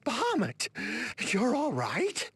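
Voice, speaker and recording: A woman's voice: on the high side, huge pitch swings, slow, breathy edge, no echo, heavily acted. A woman voicing a hot-headed young male mad mage villain in a video game, theatrical and indignant. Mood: excited. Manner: theatrical, indignant, stammering outbursts.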